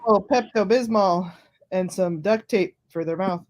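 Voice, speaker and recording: A woman's voice: mid-range voice, a little slow, a little mellow. A woman in her forties, a guest in a casual live-stream chat, snarky and sarcastic, laughing often. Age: 40s.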